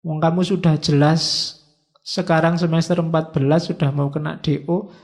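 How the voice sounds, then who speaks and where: A man's voice: fairly high pitch, flat delivery, normal speed. A middle-aged man with a Javanese accent, giving a casual philosophy lecture to students in a chatty, teasing way. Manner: chatty, teasing, drifts into slang.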